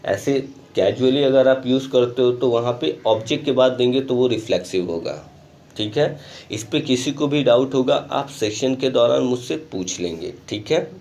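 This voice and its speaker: A man's voice: medium pitch, moderate pace, darkish tone. Man teaching grammar patiently. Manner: explains patiently, checks in often with "okay"; mixes English terms into Hindi explanations. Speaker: school English teacher. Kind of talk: online grammar lesson. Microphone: screen recording.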